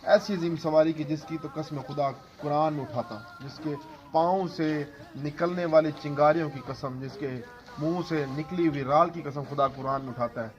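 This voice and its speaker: A man's voice: on the high side, fairly even intonation, soft background music. A man preaching a sermon of devotional storytelling and prayer, impassioned, with a chanting cadence in the prayers, at a gathering in a home. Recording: dull lo-fi recording.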